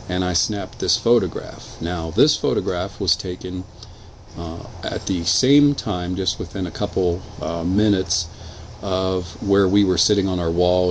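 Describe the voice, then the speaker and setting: A man with a very deep voice gives an unscripted, casual narration of his photos. His delivery is measured and matter-of-fact. It sounds like a home recording, with clearly audible steady noise behind him. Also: low-quality recording. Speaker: narrator of own photo slideshow video.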